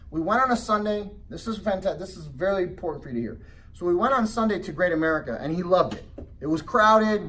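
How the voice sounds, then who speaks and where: Seminar presenter, man, lively storytelling, a bit high-voiced, mic set back from him. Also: distant mic. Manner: animated storytelling with frequent rhetorical check-ins. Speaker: real estate investing seminar presenter. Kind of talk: motivational sales seminar talk.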